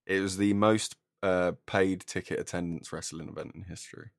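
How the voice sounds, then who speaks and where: A man's voice: sits low, fairly even intonation, moderate pace, creaky, no room sound, clean studio sound. A man co-hosting a casual podcast, teasing his friend and telling stories in a playful, rambling way. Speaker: podcast co-host. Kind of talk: casual chat.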